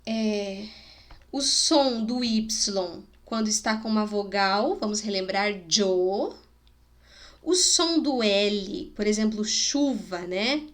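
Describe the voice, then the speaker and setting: A woman's voice: medium pitch, slow. A woman with a Spanish-speaking accent teaching a video lesson to schoolchildren, patiently explaining and sounding out example words. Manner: explains patiently, checks in with "né?" and "tá bom?".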